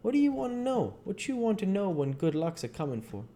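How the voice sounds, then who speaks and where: Man voicing Jim, earnest folksy man, pitched up. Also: big pitch swings, a little fast, dark tone. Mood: earnest, insistent. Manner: folksy, emphatic, dialect-heavy speech. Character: Jim, superstitious runaway man in old American South, earnest. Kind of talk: storybook character reading. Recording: audible background noise.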